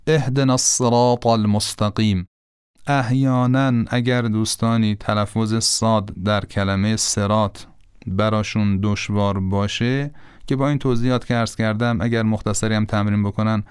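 Man, pronunciation lesson, patient explainer, very smooth resonant voice, dry close sound. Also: medium pitch, no echo. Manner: patient, explanatory, demonstrates sounds by repeating them. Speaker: recitation teacher.

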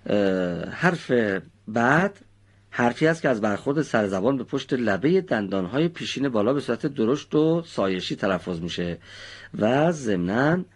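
A man with a fairly low-pitched voice is teaching kids the pronunciation of Quran recitation letters. Patient and precise, he praises his students often.

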